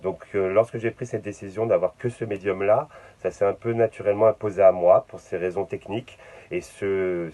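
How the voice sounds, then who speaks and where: A middle-aged man speaks in a very low, dark and mellow voice, searching for his words with many fillers and restarts. He talks unscripted about his craft, recorded in his art studio. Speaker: visual artist.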